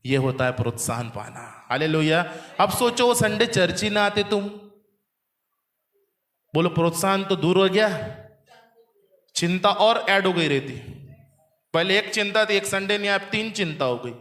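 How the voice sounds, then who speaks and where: Man, pastor, sermon, call-and-response, bright voice, echoey church. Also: sits high, expressive, moderate pace, pauses often. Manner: call-and-response preaching, quizzing the congregation. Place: church hall. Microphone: handheld microphone.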